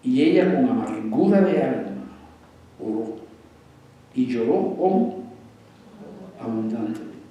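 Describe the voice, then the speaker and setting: A male pastor delivering a sermon, asking the congregation questions and swinging between loud passages and hushed ones. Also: mid-range voice, lively intonation, slow, pauses often, dull audio. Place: church sanctuary. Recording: echoey room, voice from a distance.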